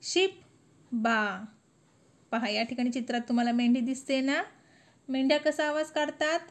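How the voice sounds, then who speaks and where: A woman teacher, slowly reciting a children's poem and explaining it in a sing-song classroom manner. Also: high-pitched, fairly even intonation. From India. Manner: slow, sing-song recitation with lifted words.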